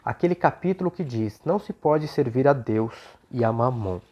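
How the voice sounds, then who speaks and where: A Brazilian speaker leading an unhurried religious talk in short, gently explanatory phrases, with a voice slightly off from recovering from flu. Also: mid-range voice, animated. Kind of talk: prayer and informal religious talk with scripture reading. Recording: dull, lo-fi sound.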